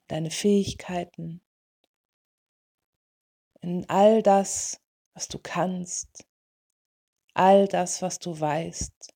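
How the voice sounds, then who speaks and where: A woman leading a guided meditation in a soothing, gentle way, in short unhurried phrases. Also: on the low side. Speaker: meditation guide for dog owners.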